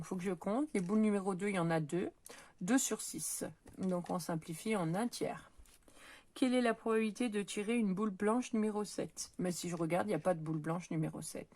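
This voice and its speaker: A woman teaching a middle school math lesson, working through probability exercises out loud in a patient, step-by-step way with many small hesitations. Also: mid-range voice. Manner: patient, talks while counting and pointing things out, frequent "euh" and "donc". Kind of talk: recorded lesson, correcting exercises aloud.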